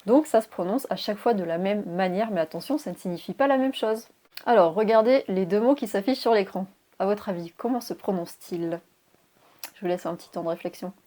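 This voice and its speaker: A woman's voice: medium pitch, mellow. Woman teaching English pronunciation. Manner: clear teacherly explanation, spells words out letter by letter. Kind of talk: video lesson.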